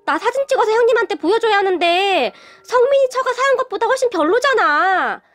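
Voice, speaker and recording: A woman's voice: very high-pitched, expressive, brisk, fairly bright tone, voice pushed up. A woman voicing a nagging, snobbish middle-aged mother-in-law-to-be who complains in a whiny voice.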